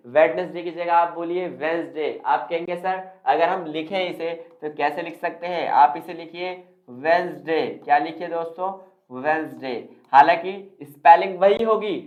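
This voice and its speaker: A man teaching English pronunciation in Hindi, repeating words and quizzing the viewer. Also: a little high. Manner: repetitive, quizzing the viewer, stretching words slowly. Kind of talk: Hindi-language spoken English lesson. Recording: tinny phone-like sound, echoey room.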